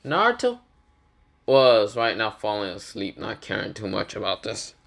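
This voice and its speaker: A man's voice: on the low side, fairly even intonation, normal speed, gravelly. A man casually improvising a fan fiction story, rambling with fillers and restarts.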